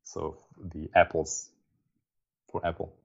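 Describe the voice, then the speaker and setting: A man's voice: sits low, monotone, slow pace, vocal fry, a little mellow, breathy edge, muffled recording. A middle-aged man from Slovenia with a Slovenian accent, chatting casually as an interview guest. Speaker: interview guest, software developer.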